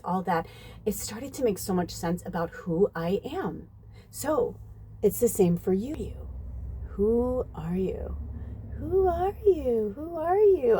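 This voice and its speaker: A woman's voice: fairly low pitch, warm tone. A woman in her fifties, a psychic medium giving a casual spiritual reading, chatty and swearing freely. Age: 50s. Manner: chatty, swearing freely, reads passages aloud.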